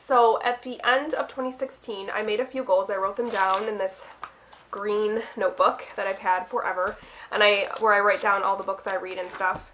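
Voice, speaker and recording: A young book vlogger with a cold-stuffed nose chats casually to camera about her reading, dropping plenty of small "um"s and laughs. Her voice is on the high side with a fairly bright tone, though the audio quality is poor.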